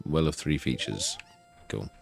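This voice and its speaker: A man's voice: very deep voice, huge pitch swings, measured pace, gravelly, soft background music. A man co-hosting a casual chat show, telling rambling stories full of swearing and quoted voices. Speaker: podcast co-host.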